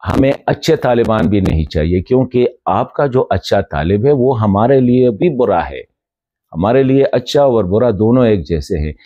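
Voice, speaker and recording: This man, a journalist-commentator from Khyber Pakhtunkhwa in northwest Pakistan, has a lowish, warm voice with lively intonation. In a commentary video he talks directly to a colleague, asking rhetorical questions and offering respectful reproach. The audio is dull, with no echo.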